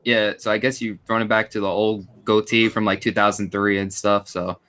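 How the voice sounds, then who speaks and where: Excitable man co-hosting a podcast. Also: fairly low pitch, normal speed. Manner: excitable, stumbling restarts. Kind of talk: casual chat.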